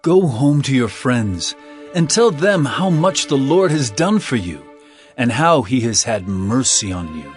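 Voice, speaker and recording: Jesus, slow, commanding, expressive. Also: male voice, mid-range voice, faint music behind. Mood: gentle, solemn. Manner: solemn, authoritative, measured. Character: Jesus, commanding, compassionate male healer and teacher.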